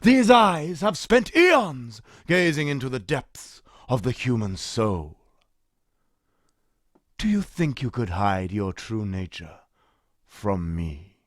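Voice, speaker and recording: A pompous old ham actor. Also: male voice, medium pitch, very animated, slow pace, dry recording, studio quality. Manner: grandiose, theatrical, declaiming. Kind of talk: comedy radio sketch acting.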